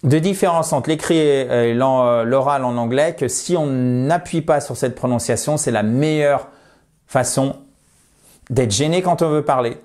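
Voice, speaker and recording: A man teaching English in a chatty, self-mocking way, slowing down to model English words. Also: medium pitch, a little mellow. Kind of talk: video lesson.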